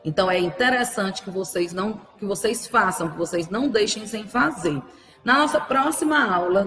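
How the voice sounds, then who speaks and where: A woman's voice: mid-range voice, a bit bright, roomy sound, in a large hall. A woman teacher with a Brazilian Portuguese accent, giving a patient, didactic grammar lesson to children and asking rhetorical questions. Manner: affectionate, uses diminutives with pupils. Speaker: primary school teacher.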